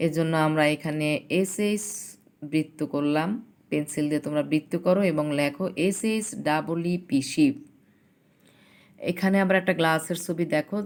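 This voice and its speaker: A woman with a Bangladeshi accent teaching an English lesson to young pupils, spelling words letter by letter and reading English sentences slowly. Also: sits low, a little mellow. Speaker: primary school English teacher. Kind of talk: recorded classroom lesson.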